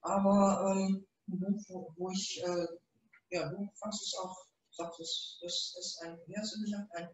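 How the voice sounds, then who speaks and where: The author, a middle-aged woman, hosts a reading in a small indoor room, making a casual introduction full of fillers in a mid-range, level voice that runs a little slow. The mic is far off, as she's captured by a distant camera, so the room echoes.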